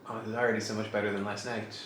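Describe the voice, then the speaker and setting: A man's voice: on the low side, level tone, rapid-fire, a bit bright. Man thinking aloud in an echoey room. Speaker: astronomy observer. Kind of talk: casual vlog talk while working. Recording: echoey room with faint background noise.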